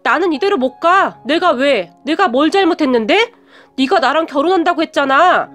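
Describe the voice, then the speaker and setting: A woman's voice: expressive, moderate pace, fairly bright tone. A woman voicing a brazen, defiant young fiancée in a narrated story. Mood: pleading. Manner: bold, shrill insistence.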